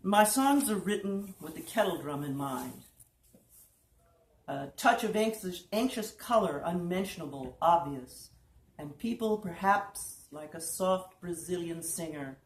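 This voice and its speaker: A woman giving a live reading of a prose piece at an art gallery event, measured and deliberate, slowing on lists. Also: fairly low pitch, animated. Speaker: poetry reader. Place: art lofts gallery, indoors. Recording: roomy room reverb, faint background hum.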